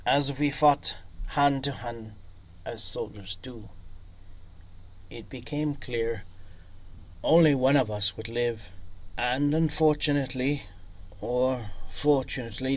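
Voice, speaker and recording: A weary former soldier recounts the war with quiet regret, as a man reading the story speaks for him. He talks slowly and gravely, weighing each phrase. The tone stays low and measured throughout. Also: natural voice, rough recording.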